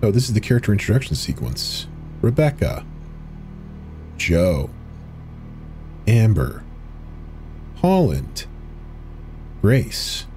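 He reads installer text and web pages aloud for a horror video, slow and very animated, pausing often and slipping in short casual asides between clicks. The man's voice is on the low side with a darkish tone, and a little hiss or hum sits under it.

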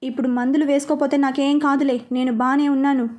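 A woman's voice: high-pitched, level tone, quick pace, a little mellow, lightly acted. A woman voicing a curt, dismissive young husband, in a storybook reading.

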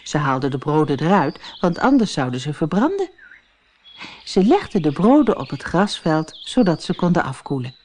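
A woman narrating a children's fairy tale in a clear, expressive storytelling manner. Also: deep voice, normal speed, a little hiss or hum.

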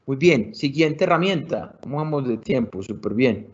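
A man with a Colombian accent giving a lively online sales workshop, shifting his volume and speed for emphasis and calling his audience muchachos. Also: medium pitch, normal speed. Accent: Colombian Spanish. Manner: animated, varies loudness and speed for emphasis; colloquial, addresses audience as muchachos. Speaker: sales trainer. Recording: somewhat dull lo-fi video call audio.

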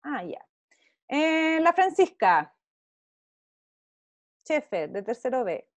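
A woman's voice: high-pitched, big pitch swings, slow pace, dry recording. A woman teaching an online visual arts class to young pupils, with a Chilean Spanish accent, encouraging and checking in often with the children. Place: home, over a video call. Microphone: video call.

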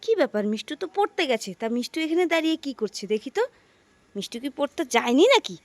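A woman playing a scolding, teasing young mother in a comedy skit, with a shrill voice. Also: big pitch swings, fast, no echo. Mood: grumbling.

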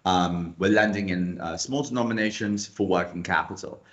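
A man in his thirties with a very low voice answers questions on a video call. He sounds upbeat as he explains, pausing on ums. The sound is dull and lo-fi. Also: fairly bright tone. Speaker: guest, operations director.

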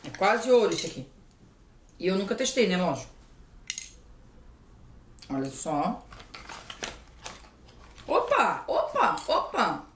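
A woman's voice: on the low side, expressive, unhurried, long pauses, reverberant, slight background noise. A woman from Brazil, chatting casually and gushing as she opens mail at home. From southern Brazil. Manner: gushing, exclamatory, playful. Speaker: vlogger opening mail. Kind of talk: casual unboxing chat.

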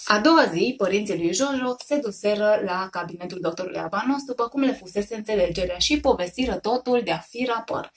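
A woman storyteller reading a children's story aloud, expressive and lively. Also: medium pitch, few pauses.

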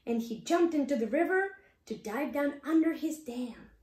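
Lady reading a kids picture book out loud, gentle, kinda high voice, echoey room. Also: animated, normal speed. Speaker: storyteller.

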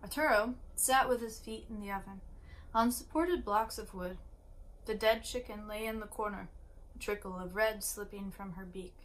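A woman reads a novel aloud at a steady, unhurried pace. She stumbles on a word now and then and restarts it. She sometimes steps out of the text for a quick aside to the listener. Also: mid-range voice, poor audio. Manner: occasional slips and restarts, brief asides. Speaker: reader.

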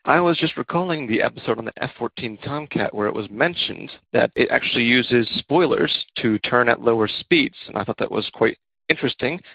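A man's voice: medium pitch, fairly quick, vocal fry, breathy edge, dry recording. A man from Maryland leaving a polite, curious voicemail question for a podcast. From Maryland, USA. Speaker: caller. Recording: dry, dull lo-fi phone message.

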